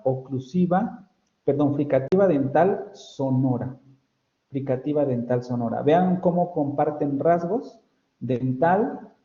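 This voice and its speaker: Mexican professor lecturing in a roomy echo. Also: male voice, a little high, dark tone. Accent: Mexican Spanish. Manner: explanatory, self-correcting, frequent fillers. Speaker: university professor. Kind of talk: online phonetics lecture. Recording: roomy, dull lo-fi audio.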